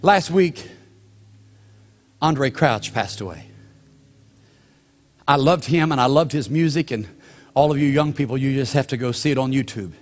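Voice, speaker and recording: An older man, a pastor, preaching a sermon with a storytelling manner, drawn-out pauses and slowing down for emphasis. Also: mid-range voice. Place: church sanctuary. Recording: long hall reverb of a church sanctuary.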